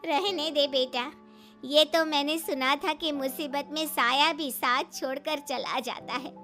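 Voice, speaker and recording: A hurt, reproachful aunt speaks bitterly. Her voice is very high and bright. Soft children's music plays behind her. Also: steady tone, a little slow.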